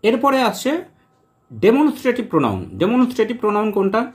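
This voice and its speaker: A man teaching English grammar in a lesson, explaining step by step and slowly repeating each example sentence word by word. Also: high voice, sing-song. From West Bengal.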